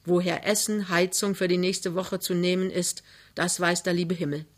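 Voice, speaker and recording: A woman reading a novel aloud in a calm, measured narration. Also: fairly low pitch. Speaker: reader. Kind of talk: literary reading.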